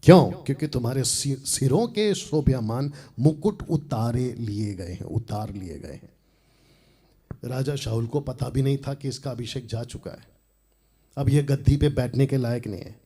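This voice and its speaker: Fiery Hindi-speaking male preacher, husky voice. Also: medium pitch, measured pace. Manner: fiery, defiant, dramatic swings between loud and hushed. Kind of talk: Hindi sermon teaching.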